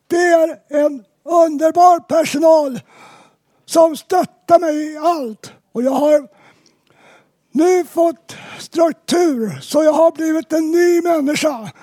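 A woman telling her own story in plain, measured sentences, then introducing the next speaker at a community event. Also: high-pitched, dark tone, dry recording, clean studio sound. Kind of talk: personal testimony read aloud.

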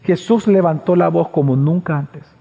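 Male pastor, high voice, sermon in a church hall with long reverb; repeats lines for emphasis, loud-to-hushed swings. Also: moderate pace, creaky. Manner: preaching with sharp swings between loud high passages and low hushed ones.

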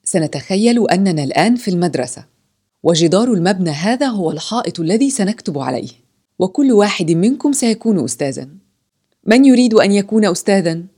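A woman's voice: medium pitch, big pitch swings, fast, mellow, slightly rough, voice pushed up. A woman voicing a hopeful, determined young woman who coaxes children into a game, in a storybook reading. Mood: encouraging. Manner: coaxing, encouraging.

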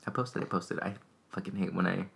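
A young man chatting casually, raspy voice, rambling with many fillers and restarts. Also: sits low, completely flat delivery, fairly quick, fairly bright tone. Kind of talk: casual chat.

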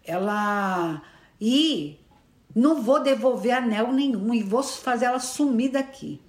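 Brief: woman as a vengeful storybook witch, slow and deliberate, rather low and quiet, roomy echo. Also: animated. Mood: cursing. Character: stern, vengeful old witch casting a curse. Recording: echoey room.

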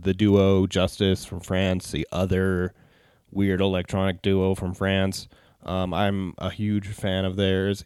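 A man who works as a DJ, talking casually and alone, rambling with relaxed restarts. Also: low-pitched, smooth, no echo, clean studio sound. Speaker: DJ and podcast host. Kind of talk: casual solo talk.

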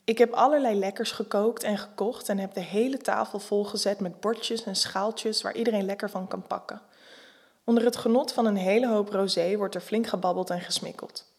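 Woman narrator, erotic audio story, calm reading, mid-pitched voice. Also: normal speed, breathy edge.

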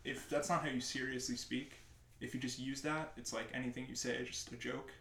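A man from Staten Island co-hosting a casual podcast, talking quickly with lots of fillers and jokes, recorded in an echoey room. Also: medium pitch, level tone, gravelly, fairly bright tone, slight background noise. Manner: fast, filler-heavy, joking. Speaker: podcast co-host. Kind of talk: casual chat.

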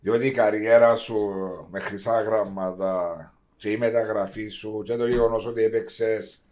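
A man's voice: on the low side, fairly even intonation, darkish tone. A man in his fifties with a Greek Cypriot accent, chatting casually and emphatically about sport. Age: 50s.

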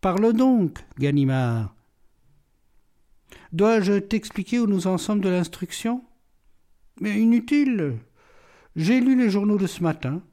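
A playful, ironic gentleman burglar, as a man reads him aloud for an audiobook, his mellow voice lilting up and down as he lingers over every jibe. His manner is self-assured and teasing. Faint music plays underneath. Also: high voice, lively intonation, takes it slowly, long pauses, voice pushed up. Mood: mocking. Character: witty, mocking gentleman burglar, imprisoned man. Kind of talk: audiobook reading.

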